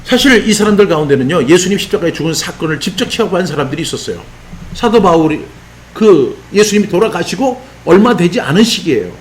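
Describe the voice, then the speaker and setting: Pastor guy preaching a sermon, kinda high voice, swings up and down a lot. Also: fast talker, slight background noise. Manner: animated, voices apostle's rebukes in raised exclamations. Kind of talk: expository sermon.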